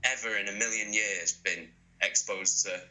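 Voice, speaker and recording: A man in a band being interviewed, talking casually, excitable and sweary, laughing often. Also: lowish voice, moderate pace, rough recording.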